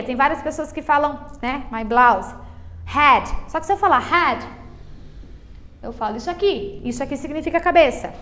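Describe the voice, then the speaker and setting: A Brazilian woman with a high, bright voice and a Brazilian Portuguese accent teaches English to beginners. She stretches out her explanations and keeps checking in with her students. Her tone stays patient and teacherly throughout. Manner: patient, drawn-out explanations full of diminutives and check-ins like "ok?". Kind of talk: online English lesson for beginners.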